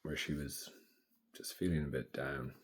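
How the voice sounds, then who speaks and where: Man in his thirties, extremely low voice, soft-spoken, slow and reflective vlog monologue. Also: fairly even intonation, slight background noise. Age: 30s. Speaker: vlogger.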